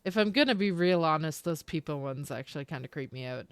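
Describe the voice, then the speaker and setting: Chatty Canadian woman streamer, lowish voice. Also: animated, fast, smooth, no echo. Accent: Canadian, with some British-sounding words. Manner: rambling and self-interrupting, laughs often. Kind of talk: casual chat with live chat while gaming.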